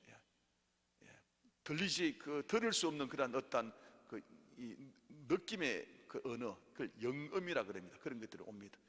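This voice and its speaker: Man, pastor, animated church teaching, bright voice, reverberant hall. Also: mid-range voice, normal speed. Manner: animated, calls for repeat-after-me and amens. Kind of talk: sermon-style theology class.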